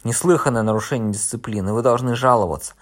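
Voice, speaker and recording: A fat, pompous official scolds at full volume, his voice pushed up high and loud, as a male audiobook reader puts him on. He is outraged and bureaucratic, threatening written complaints in a storybook reading. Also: quick pace, lightly acted.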